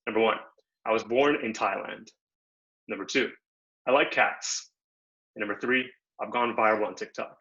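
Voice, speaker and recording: A young Bangladeshi man hosts a casual, upbeat workshop over a video call, his speech crowded with slang and fillers. His fairly low voice is pushed and bright, moving at a moderate pace with frequent pauses. The recording is dull lo-fi call audio.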